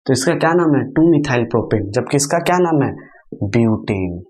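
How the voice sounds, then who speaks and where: A man's voice: mid-range voice, lively intonation, moderate pace, a little mellow. A male chemistry teacher at a whiteboard who asks his students questions and answers them himself, counting atoms aloud one by one. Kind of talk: whiteboard lesson. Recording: echoey room, distant mic.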